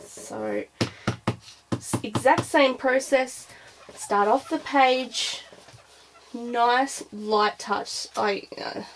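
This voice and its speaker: A woman's voice: on the high side, sing-song, drawn-out words, long pauses. A woman presenting an informal craft demonstration, thinking aloud as she goes. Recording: clear background noise, clicks.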